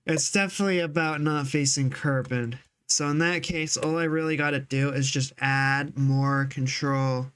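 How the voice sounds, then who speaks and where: A man's voice: fairly high pitch, steady tone, moderate pace, hardly any pauses, a bit bright, clear, resonant tone. A young man streaming a game, chatting casually with friends in profane, joking banter. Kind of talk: casual gaming chat.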